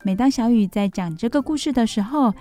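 High, mellow Taiwanese woman talking to little kids. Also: animated, brisk, faint music behind. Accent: Taiwanese Mandarin. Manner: speaks as if reading to a toddler, gentle simple phrasing with soft sentence particles. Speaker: children's radio storytime host. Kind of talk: children's radio presenting, talking to young listeners.

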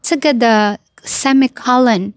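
A woman's voice: fairly high pitch, takes it slowly, dry recording, studio quality. A Filipino woman chatting casually as a podcast guest, a non-native Mandarin speaker with strong foreign tones who mixes in English words. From Philippines. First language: not Mandarin. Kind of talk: casual interview chat.

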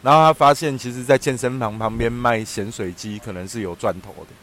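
A man's voice: mid-range voice, brisk, fairly bright tone. A man chiming in briefly and chuckling, teasing the storyteller in a casual chat. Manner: chuckling listener, short teasing interjections.

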